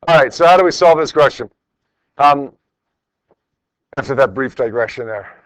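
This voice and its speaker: With a medium-pitched, fairly bright voice and a moderate pace, a middle-aged high school physics teacher works through problems with his students in class. He is informal and encouraging and repeats phrases for emphasis. The recording is rough, with no room sound.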